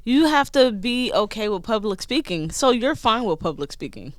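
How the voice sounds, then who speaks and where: A woman's voice: a little high, normal speed, no echo, clean studio sound. A woman with a slight lisp in casual podcast chat, swearing and acting out quoted people. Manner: animated, swearing, acts out quotes. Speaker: podcast co-host.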